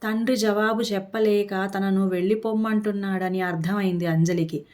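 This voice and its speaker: Woman narrator for a moral short story, steady and expressive, middle pitch. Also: moderate pace.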